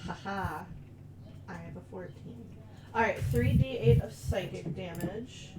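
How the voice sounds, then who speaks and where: A woman's voice: fairly low pitch, unhurried. Woman player in a dnd game, lots of ums, super noisy mic with clicks. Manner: hesitant, lots of ums while reading rules. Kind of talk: casual tabletop game chat. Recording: loud background noise, clicking.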